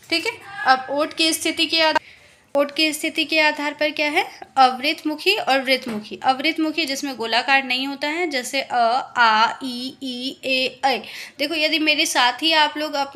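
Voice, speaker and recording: A woman's voice: high voice, pushed and bright. A young woman teaching an exam-prep lesson, explaining step by step, sounding out example vowels and mixing English words into her Hindi.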